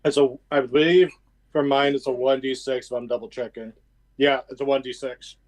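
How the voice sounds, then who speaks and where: A man's voice: medium pitch, steady tone, moderate pace. A man chatting casually as a player in a tabletop game. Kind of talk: casual chat.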